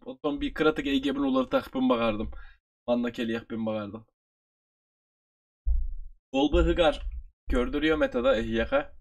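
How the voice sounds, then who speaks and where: Slow-talking Turkish man teaching. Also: on the high side, creaky. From Turkey. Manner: explains slowly, repeats phrases for learners. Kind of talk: online review lesson.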